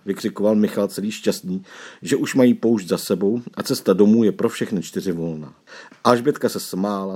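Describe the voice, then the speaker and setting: A man narrating an audiobook chapter in an expressive, storytelling manner. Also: on the low side, slightly rough.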